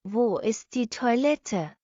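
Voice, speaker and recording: Reading short practice sentences for learners, a woman goes at a very slow, even crawl and says each one twice. Her slightly high voice is warm with lively intonation. The recording is dry and a little dull.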